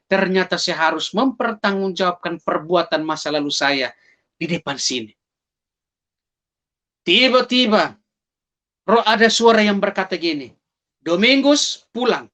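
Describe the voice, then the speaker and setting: A man's voice: sits high, lively intonation, unhurried, long pauses, pushed and bright. A man sharing a personal testimony in a vivid storytelling manner. He speaks straight to his listeners as brothers and sisters and acts out his own cries for help.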